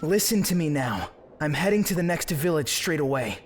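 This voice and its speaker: A man's voice: fairly high pitch, lively intonation, moderate pace, very noisy, natural voice. A man voicing a determined young male gamer hero in an anime fan dub, with an earnest, dramatic delivery. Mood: urgent, serious.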